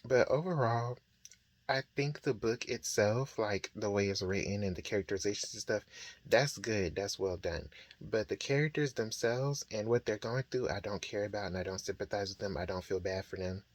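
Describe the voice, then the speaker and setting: A man's voice: on the low side, normal speed. Guy recapping a book, chatty and opinionated, just talking it through. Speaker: book reviewer.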